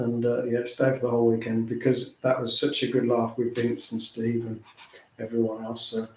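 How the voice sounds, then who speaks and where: Chatty man in an echoey room. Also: mid-range voice. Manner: chatty, waffling, matey slang. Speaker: host of a live phone-in stream. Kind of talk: casual live-stream chat. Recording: echoey room, faint noise.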